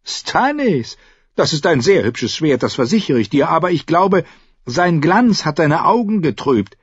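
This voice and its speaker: A man voicing a smug, mocking young nobleman in a high, taunting, drawn-out voice. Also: very animated, husky, no echo, lo-fi sound, heavily acted.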